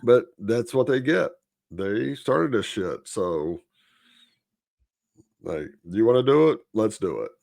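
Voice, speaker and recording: A man co-hosting a podcast, talking politics in a blunt, profane, casual way and letting his phrase ends drop low. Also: expressive, takes it slowly, gravelly, long pauses, a little mellow, no room sound, studio quality. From Florida. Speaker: podcast co-host.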